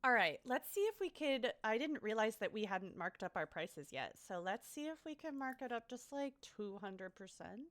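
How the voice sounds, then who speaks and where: A woman's voice: a little high, very animated, moderate pace, hardly any pauses, a bit bright. A young woman casually narrating her gameplay, bubbly, chatty and easily delighted. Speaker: let's play host.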